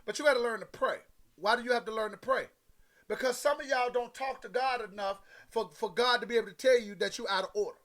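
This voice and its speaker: A man with an unusually high voice delivers a motivational sermon. He hammers his points home through repetition and speaks to his listeners directly. His phrasing is loose and folksy. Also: fast talker, a bit bright. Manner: emphatic, repetitive preaching with direct address to listeners. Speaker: preacher.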